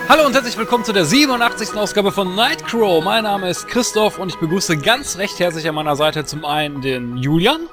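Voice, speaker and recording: Slightly high-voiced man hosting a podcast. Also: a little fast, few pauses, over music. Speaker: podcast host. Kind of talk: casual podcast moderation.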